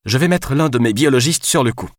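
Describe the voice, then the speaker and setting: A man's voice: mid-range voice, expressive, a little fast, no echo, studio quality, pitched above the performer's own voice, lightly acted. A male narrator voicing a small, sturdy, gray-haired woman who runs a lab, cheerful and teasing. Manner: jovial, teasing.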